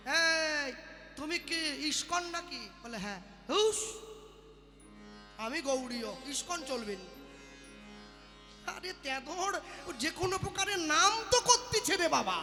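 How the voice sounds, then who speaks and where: Male kirtan preacher, piercing bright high voice, echoing hall with faint sitar. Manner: preachy, rhetorical questions, mock dialogues. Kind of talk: devotional sermon with acted asides. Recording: live hall reverb with faint music.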